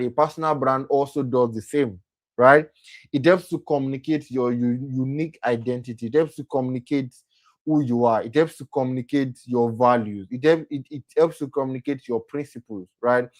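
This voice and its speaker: A young adult man hosts and speaks at a motivational program for young people, using a mid-range pitch. He repeats himself, circling back over his points and correcting himself mid-sentence, and he keeps asking his listeners "right?".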